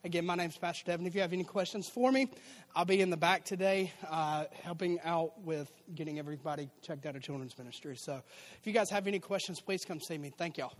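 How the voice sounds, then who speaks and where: A high-pitched man speaks into a mic in a church auditorium. He talks in an upbeat, chatty way and slips in jokes while giving the announcements. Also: fast talker. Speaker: youth and children's pastor.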